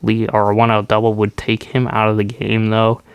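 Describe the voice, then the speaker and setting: A man's voice: lowish voice, monotone, normal speed, clear, resonant tone, no echo. A young man with a stuffed-up nose casually recapping his baseball video game, with plenty of ums and restarts. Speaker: gaming YouTuber. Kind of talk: casual gameplay commentary.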